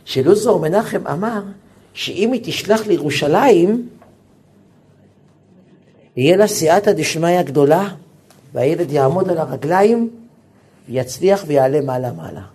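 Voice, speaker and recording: A man voicing an elderly rabbi giving a measured, authoritative ruling. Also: on the high side, animated, darkish tone, slightly rough. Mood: solemn.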